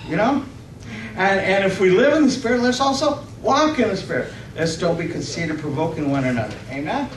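Speaking from an indoor church hall stage, this middle-aged preacher at a church conference has a high voice and delivers scripture haltingly, slightly nervous, correcting himself and calling for amens. A distant camera captures his stand mic, giving a roomy recording with faint noise.

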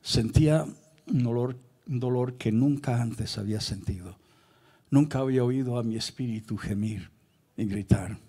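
A man's voice: mid-range voice, vocal fry, darkish tone, husky. A middle-aged man with a Chilean Spanish accent, a pastor giving an emotional sermon testimony and reenacting his anguished pleas. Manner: emotional, reenacts his cries with raised, drawn-out pleading.

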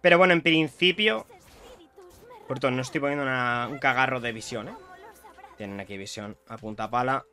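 A young man from Spain with a Spanish accent, chatting excitedly to viewers while commentating his own gameplay. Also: mid-range voice, brisk, long pauses, some chatter behind. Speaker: streamer playing a video game.

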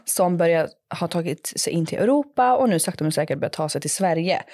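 A woman's voice: on the low side, lively intonation, a little mellow. A woman chatting casually as a podcast guest, laughing often as she talks about her work. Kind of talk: casual chat.

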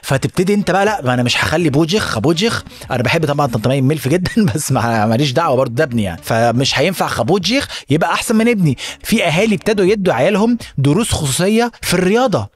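A man's voice: fairly high pitch, expressive, racing, slightly rough. A man with an Egyptian accent hosting a satirical comedy podcast, ranting with profanity, appealing to his listeners and mixing in English words. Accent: Egyptian Arabic. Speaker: podcast host.

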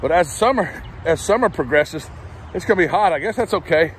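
A man's voice: fairly high pitch, expressive, fairly quick, slight background noise. A middle-aged man, chatting casually into his phone while walking a trail, a bit out of breath. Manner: chatty, rambling, self-deprecating. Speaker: vlogger. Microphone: phone held while walking.

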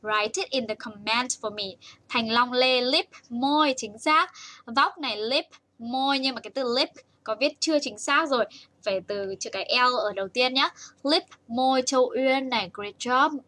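A woman's voice: high-pitched, pushed and bright. A young adult woman with a Vietnamese accent teaching English to small children live, reading viewers' comments aloud with bouncy praise. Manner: bouncy, praising, switches between slow English and rapid Vietnamese.

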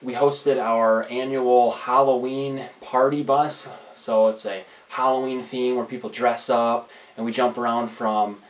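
Man, young adult, casual, rambling, deadpan, roomy echo, distant mic. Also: medium pitch, measured pace, hardly any pauses. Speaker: vlogger and prank caller. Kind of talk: casual prank call and vlog chat. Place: small room indoors at home. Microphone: camera a few feet away.

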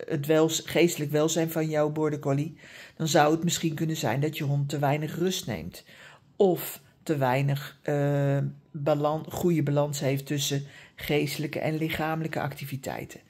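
A woman who specialises in dog behaviour gives calm, patient training advice, with many fillers and frequent tag questions. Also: low-pitched, normal speed, breathy edge. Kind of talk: explanatory advice talk.

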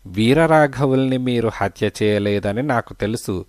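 A man voicing a calm, kindly male detective in an audiobook, questioning a witness with gentle patience. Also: medium pitch, unhurried, dry recording, studio quality, natural voice. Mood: gently probing.

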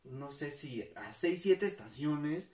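A woman's voice: low-pitched, expressive, takes it slowly, warm tone, recorded from a distance. A woman with a Mexican accent telling personal stories to her viewers in a chatty way, acting out the people she quotes. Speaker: vlogger. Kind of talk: casual storytelling to viewers. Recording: roomy, mic set back.

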